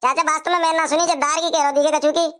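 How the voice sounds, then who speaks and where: Brief: a woman voicing a bumbling young village lad for a cartoon, rural Rajasthani accent, high-pitched. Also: little pitch movement, quick pace, fairly bright tone. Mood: pleading. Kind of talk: animated cartoon comedy voice.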